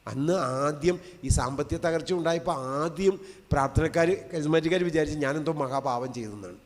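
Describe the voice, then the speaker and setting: A man in his fifties, a lay preacher giving an emotional testimony sermon, swinging between loud emphatic cries and soft hushed asides. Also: on the high side, fairly quick. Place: large convention hall. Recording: long hall reverb.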